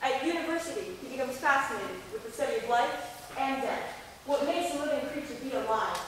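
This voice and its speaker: A schoolgirl, a child or young teen, gives a stage reading of a gothic radio play, playing a bold young woman author who tells a horror story in a dramatic, teasing way. Her voice is high-pitched, expressive and brisk, with an intense, building mood. It's recorded from far off in a large, echoey school performance hall with faint noise.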